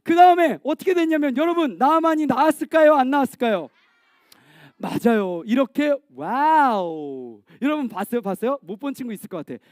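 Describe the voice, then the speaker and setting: A man giving an animated children's sermon, telling a story and asking the kids questions. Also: extremely high pitch, fast, no room sound, studio quality. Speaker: children's ministry preacher.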